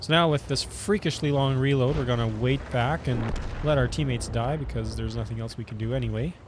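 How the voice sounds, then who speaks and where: A man with a scratchy voice from a cold, hosting casual commentary over his own tank gameplay and calmly explaining his tactics. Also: mid-range voice, a little fast. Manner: relaxed, explaining tactics as he plays. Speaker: gaming channel host.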